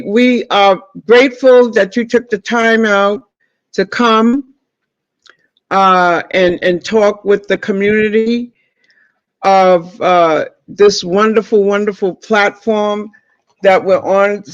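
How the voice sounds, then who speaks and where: Male interview host, high-pitched, casual and encouraging, repeats himself, muffled lo-fi recording. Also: steady tone, slow pace, no echo. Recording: dull, lo-fi audio.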